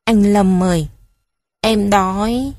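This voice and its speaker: A woman's voice: medium pitch, slow pace, darkish tone. A woman doing a timid little boy. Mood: pleading. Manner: pleading, shy.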